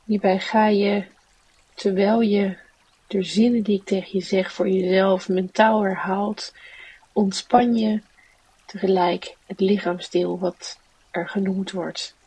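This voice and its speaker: A woman leading a guided relaxation in a soft, soothing, unhurried manner. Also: medium pitch, flat delivery, husky, far from the mic, poor audio. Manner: soft, slow, soothing guiding delivery. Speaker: mindfulness teacher and meditation guide.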